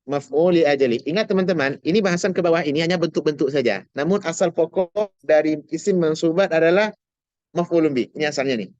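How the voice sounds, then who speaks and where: A man teaching an Arabic grammar class online, patiently quizzing his students and drawing out example words slowly. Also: fairly high pitch, darkish tone, no room sound, lo-fi sound. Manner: patient, asks students questions, slow drawn-out example words.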